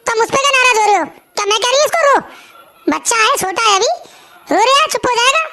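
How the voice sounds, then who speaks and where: A woman voicing a sharp-tongued cartoon mother. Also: very high-pitched, expressive, fast talker, vocal fry, full character voice. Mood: bickering.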